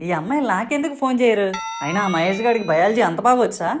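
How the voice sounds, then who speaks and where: A woman voicing a cheeky, lazy teenage schoolboy in an animated comedy who talks back and complains. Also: mid-range voice, close to an everyday voice. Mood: grumbling. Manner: quick, mouthy, complaining.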